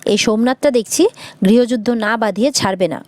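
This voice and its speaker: A woman's voice: fairly high pitch, fairly quick, dry recording, studio quality, close to an everyday voice. A woman reading the lines of a firm, stern middle-aged father.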